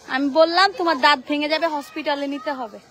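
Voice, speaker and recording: A young woman, vlogging at an outdoor playground. She calls anxious warnings to her child and then speaks softly to her viewers. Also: high voice, steady tone, brisk, slight background noise. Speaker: vlogger and mother. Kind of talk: casual family vlog.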